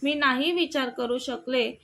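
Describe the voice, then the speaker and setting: Teary pleading young wife, read by a woman, high and slow, romantic story. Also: pushed and bright. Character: young wife, emotional, tearful, loving.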